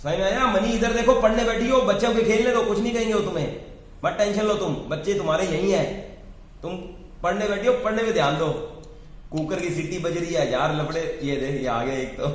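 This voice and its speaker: A man's voice: sits high, a little fast. A man coaching a mock job interview on a video call, blunt and teasing, scolding his student to answer with reasons. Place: home. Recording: very echoey room.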